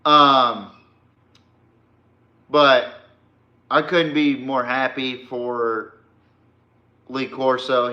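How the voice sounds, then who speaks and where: This sports podcast host's medium-pitched voice sounds pushed and bright as he chats casually with his stream audience. Recorded in an echoey room, his talk is rambling and emphatic.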